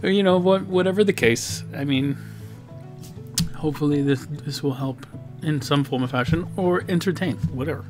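With a fairly high voice and a moderate pace, this video host and digital painter wanders through a voice-over about his painting. He leans on fillers, restarts often, and teases himself, while guitar music plays.

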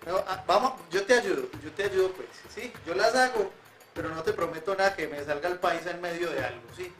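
High-voiced, emphatic Antioquian man. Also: a little fast, a bit bright, soft background music. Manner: emphatic, protesting, laughing. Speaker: guest in a comic math segment. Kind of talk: comic sketch banter.

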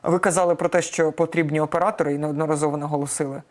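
A man hosting a live studio interview, asking questions in a quick, conversational way. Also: on the high side, fairly even intonation. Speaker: interviewer, host.

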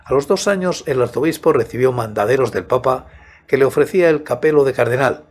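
A man in his sixties narrating a scripted story in a measured, soft-spoken way, close to a studio microphone. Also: mid-range voice, slightly rough. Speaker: host and narrator of horror audiobook channel. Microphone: large studio microphone close to the mouth, headphones.

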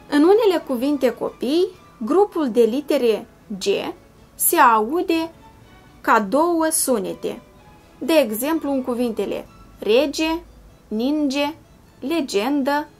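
Patient woman teacher with soft music behind. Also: a little high. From Moldova. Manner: patient, spells out syllables and sounds step by step. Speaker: primary school teacher. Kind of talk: slow, clear classroom video lesson. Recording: voice-over with soft background music.

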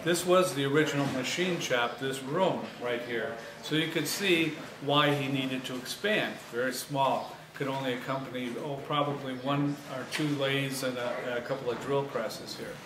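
A man guiding a museum tour indoors, speaking conversationally with fillers and pauses. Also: mid-range voice, noisy background. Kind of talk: guided tour talk. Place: historic laboratory building, indoors. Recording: echoey room with a crowd around.

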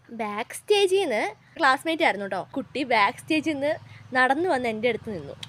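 Lively young vlogger woman, dry sound. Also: sits high, no echo. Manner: chatty, keeps addressing viewers as guys. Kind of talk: storytelling vlog.

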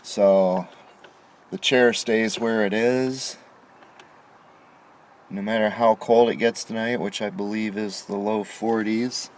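With a fairly low, steady voice and a slow pace broken by long pauses, a middle-aged man vents his frustrations to the dashboard camera facing him in a parked car at night. His tone is aggrieved and indignant as he presses his complaints.

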